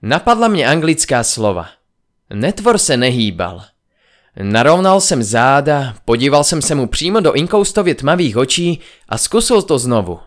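A man reading a first-person audiobook aloud in a dramatic, expressive style. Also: mid-range voice. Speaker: audiobook narrator.

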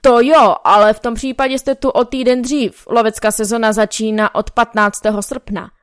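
A woman voicing a lean, long-haired man on the run who gives short, evasive answers, in a smooth, clear voice. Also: a little high, fairly even intonation, no room sound, studio quality, natural voice. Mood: guarded.

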